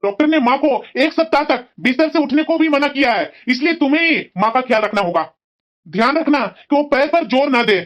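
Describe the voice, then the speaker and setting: A voice actor playing a worried, dutiful young husband in a cartoon, calling out loudly in alarm. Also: medium pitch, level tone, racing, hardly any pauses, natural voice. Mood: anxious. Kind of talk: cartoon voice acting.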